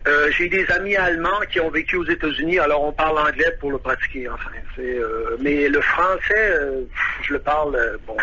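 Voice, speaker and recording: Fairly quick and on the high side, the voice of a Quebec-born musician living abroad comes through with its highs cut off over a noisy background. Nervous as a radio interview guest, he speaks with a Quebec French accent, hesitating and filling gaps with many fillers while he searches for words.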